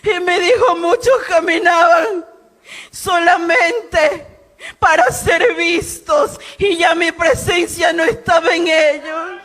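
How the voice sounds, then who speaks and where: A woman giving an impassioned religious testimony, shouting and pleading fervently. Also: extremely high pitch, fairly even intonation, slow pace, soft background music. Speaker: testimony preacher.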